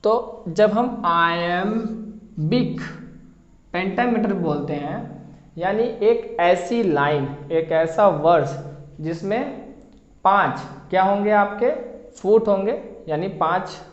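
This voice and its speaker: A man's voice: high-pitched, animated, slow. A man teaching a class lecture, often stopping to ask whether the students have understood. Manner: repeats questions to check understanding. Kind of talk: Hindi lecture on English poetry. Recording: roomy, dull lo-fi audio.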